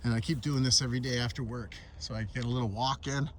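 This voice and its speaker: A man walking around his garden and pond outdoors, a little out of breath, talking in a rambling, relaxed way with many fillers while filming. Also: mid-range voice, racing, slight background noise. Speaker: permaculture vlogger. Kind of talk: casual walk-and-talk vlog.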